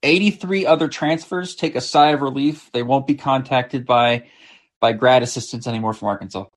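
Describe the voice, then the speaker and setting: A man's voice: mid-range voice, moderate pace. A man co-hosting a sports podcast, talking casually and repeating words as he thinks. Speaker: podcast co-host.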